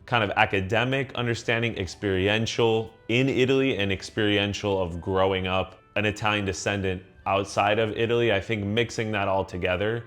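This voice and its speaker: Faint soft music sits under this young American vlogger as he talks through his thoughts in a reflective personal monologue. His voice is slightly low and steady, at a moderate pace with hardly any pauses. He sounds earnest and conversational, with plenty of ums and restarts.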